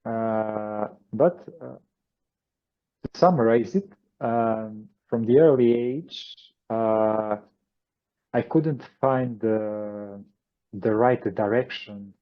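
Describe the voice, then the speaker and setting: A man from Croatia with a Croatian accent, answering interview questions as a guest, pausing often with fillers and restarts over a video call. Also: on the low side, highs cut off. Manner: hesitant, many fillers and restarts. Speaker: guest channeler.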